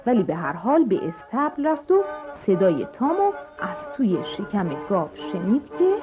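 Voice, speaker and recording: A woman's voice: mid-range voice, sing-song. A woman storyteller reading a children's story aloud with expression, speaking to children. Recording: dull recording with music behind.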